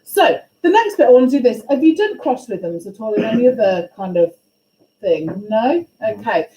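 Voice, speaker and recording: A woman teaching a music class, questioning and encouraging her students in a brisk way. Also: on the high side, sing-song, mellow. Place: school classroom. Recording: echoey classroom, faint ambience.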